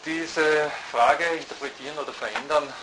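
A man lecturing at a university, thoughtful and halting, often restarting his sentences. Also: a little high. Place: lecture hall. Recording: noisy lecture hall recording.

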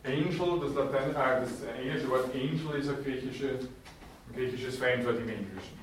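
A man gives a university lecture in a roomy hall, heard from some distance away. He explains step by step, stopping often to correct himself and fill pauses. A faint hiss sits under the recording. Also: medium pitch. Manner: explanatory, with frequent fillers and self-corrections.

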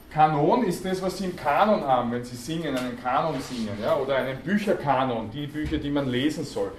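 A man giving a university lecture, explaining terms and quizzing students, with many hesitation sounds. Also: mid-range voice. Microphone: student recording from the audience. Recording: echoey hall, faint background noise.

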